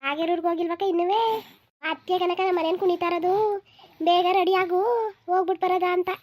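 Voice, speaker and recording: A woman voicing a high-pitched scolding village housewife. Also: little pitch movement, quick pace, a little mellow. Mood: chatty. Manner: scolding, complaining sing-song. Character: nagging village housewife, busy and sharp-tongued. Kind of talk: comedy cartoon dubbing.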